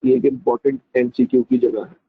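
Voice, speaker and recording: Lively male teacher. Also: medium pitch, brisk, slightly rough, no echo. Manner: addresses students as friends, mixes in English phrases; lively, demonstrative emphasis. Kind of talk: classroom lecture. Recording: dull lo-fi dry recording.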